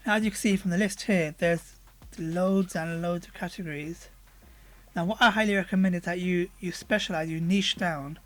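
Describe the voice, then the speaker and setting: This product reviewer's hoarse voice sits high, and he keeps a moderate pace while demoing software on his screen recording. Casual and conversational, he fills his narration with frequent ums and uhs, clicking from menu to menu.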